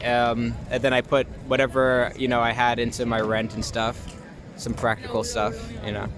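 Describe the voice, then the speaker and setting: A young adult American man from Long Island, New York, an actor and artist, answers interview questions casually while outdoors in a city with traffic. His mid-range voice is fairly bright, his delivery completely flat, and his pace normal; he sounds easygoing and hesitant as he thinks aloud. The recording is noisy, typical of an outdoor urban setting.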